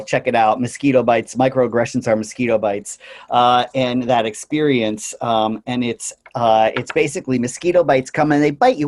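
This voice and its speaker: A man giving an earnest conference talk about his slides, often pausing on "uh" and "you know" and briefly slipping into high mocking voices for quotes. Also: darkish tone. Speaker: conference presenter.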